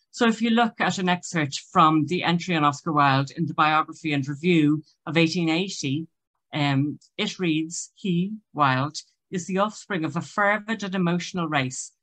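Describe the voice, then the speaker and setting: A woman giving a literary history presentation, speaking in a thoughtful, measured way with frequent pauses and restarts. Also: low-pitched, fairly bright tone. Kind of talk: illustrated literary history lecture.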